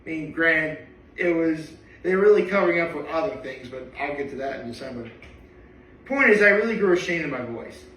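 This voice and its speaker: Brisk and expressive, this young male daily vlogger has a fairly high tenor voice that sounds pushed and bright. He delivers a casual reaction monologue, chatting and rambling with plenty of asides. The mic sits somewhat far away in a roomy space.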